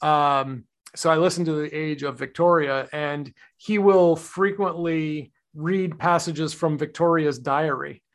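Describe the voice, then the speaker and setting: A man co-hosting a podcast, talking casually and thinking aloud. His voice sits a bit high for a man, and he winds through his points with plenty of fillers and restarts. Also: fairly even intonation, a little slow. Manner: rambling, thoughtful, many fillers and restarts. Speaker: podcast co-host. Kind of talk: casual chat.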